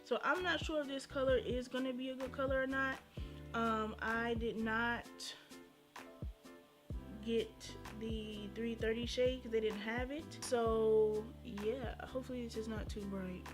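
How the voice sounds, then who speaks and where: A young woman with a fairly high voice talks through a makeup review like she is chatting with friends. Her speech carries a slight lisp from a retainer she is wearing. She is playful, slangy and a little sassy, with music clearly playing behind her. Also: fairly even intonation, measured pace. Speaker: beauty vlogger. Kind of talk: casual chatty first-impression makeup review. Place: indoors at home.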